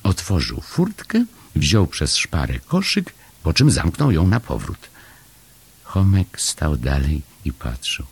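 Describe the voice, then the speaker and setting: A man narrating a children's storybook in a calm, measured and gently expressive way. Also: very deep voice, gravelly, breathy edge. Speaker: audiobook narrator.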